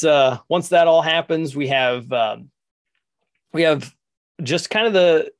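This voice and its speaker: A man with a slightly raised voice hosts a casual podcast chat. He rambles along in a relaxed way, stacking up fillers as he retells events. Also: a little high. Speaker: podcast host.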